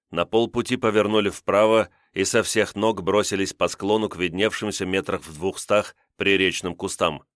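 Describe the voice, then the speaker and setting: Deep smooth male narrator, dry close mic, steady grave audiobook read. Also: no echo. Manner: steady, grave reading of a wartime crime novel. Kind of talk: scripted narration.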